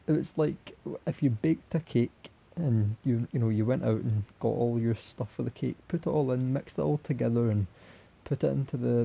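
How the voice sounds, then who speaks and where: A young man speaks in a very dark, muted voice that is hoarse and giving out. It is husky and full of gravelly creak. He delivers a halting, resigned fan reaction, as if talking straight to his viewers. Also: mid-range voice. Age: young adult. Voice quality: husky, raspy. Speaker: football fan vlogger. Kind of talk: solo post-match reaction talk.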